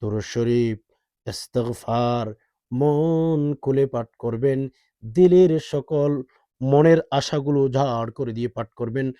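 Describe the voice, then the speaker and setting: A male Islamic preacher who talks quickly and urgently, then recites prayers slowly in drawn-out chant. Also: medium pitch, dark tone, no echo, highs cut off. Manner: fast urgent Bengali talk, slow drawn-out recitation. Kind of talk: sermon with chanted Arabic prayers.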